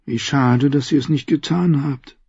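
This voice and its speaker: A man's voice: medium pitch, a little slow, a little mellow, dry recording, highs cut off. Man voicing a scheming, cool queen mother. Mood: calculating. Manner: smooth, condescending. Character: scheming older queen mother, coolly composed. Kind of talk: audiobook dialogue.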